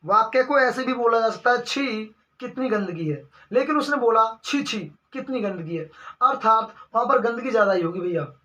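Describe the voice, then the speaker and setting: Bright high-voiced male Hindi teacher. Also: animated, moderate pace, few pauses. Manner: asks the class questions and answers them himself, repeating phrases; calls the listeners brother again and again. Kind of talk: exam-prep Hindi grammar lesson. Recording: dull lo-fi recording.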